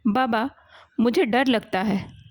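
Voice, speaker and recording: A woman's voice: fairly high pitch, slow pace, dry recording. A woman voicing a young granddaughter who earnestly tells her grandfather about her fears in a storybook tale. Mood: worried. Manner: earnest, plaintive.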